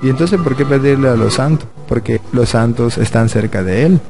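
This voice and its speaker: Male priest, earnest storytelling sermon, mid-pitched with gravelly edge. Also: moderate pace. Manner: earnest, explaining through stories and questions. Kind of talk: preaching Bible teaching. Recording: music playing underneath.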